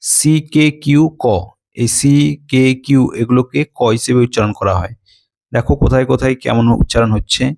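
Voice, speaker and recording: A man's voice: mid-range voice, fairly even intonation, fast talker, vocal fry, darkish tone. A man teaching a scripted phonics lesson, spelling out words letter by letter and giving their meanings.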